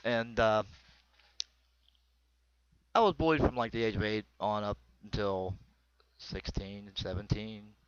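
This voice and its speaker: A middle-aged American comedian from a small town in northwestern Pennsylvania tells comic personal stories in a rambling, colloquial, crude-humored monologue. His lowish voice stays steady and unhurried, with frequent pauses. The recording is clean and dry, with the highs cut off.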